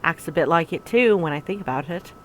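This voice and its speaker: A woman reading first-person narration from a visual novel aloud in an even, reflective way. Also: lowish voice, brisk, slight background noise, low-quality recording. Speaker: let's play narrator.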